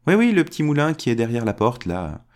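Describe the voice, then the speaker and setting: A man voicing an easygoing poor peasant in a storybook, with a high, lively voice. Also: brisk.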